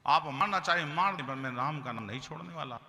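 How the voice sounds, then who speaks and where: A man's voice: a little high, a little fast, gravelly, bright, forceful tone. A man telling a devotional story as a sermon, acting out the characters' dialogue and chanting verses. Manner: chants Sanskrit verses melodically. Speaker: kathavachak preacher. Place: large hall, religious gathering. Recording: reverberant hall with music.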